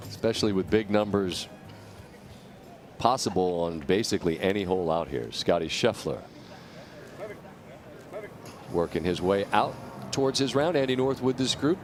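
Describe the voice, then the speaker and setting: Low-voiced man calling live golf. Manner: smooth, measured broadcaster delivery. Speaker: play-by-play golf commentator. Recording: broadcast with steady background noise.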